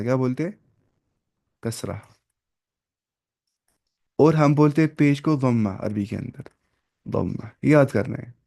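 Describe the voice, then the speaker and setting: A man teaching Quran recitation in a mid-pitched voice, drilling his class with question after question. He slows right down to spell out each new term and clears his throat often. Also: warm tone. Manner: drills students with repeated questions. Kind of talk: classroom lesson.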